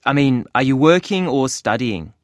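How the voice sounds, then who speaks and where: An actor playing a helpful receptionist who fills in a form, talking in a relaxed, chatty way in a scripted listening dialogue. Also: medium pitch, moderate pace, no echo, clean studio sound, close to an everyday voice. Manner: relaxed, chatty, with fillers and small laughs. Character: helpful club staffer taking details. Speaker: club receptionist. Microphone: close studio mic.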